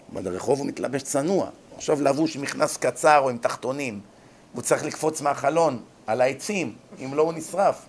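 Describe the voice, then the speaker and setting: A man who is a rabbi giving a religious lecture, telling stories in an animated, emphatic way. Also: mid-range voice, slight background noise.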